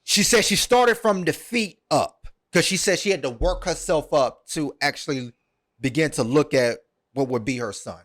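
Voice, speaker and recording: A man's voice: fairly high pitch, moderate pace, fairly bright tone. A man hosting a podcast, retelling a story at length in a casual, earnest way, with many ums and repeated words. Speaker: podcast host.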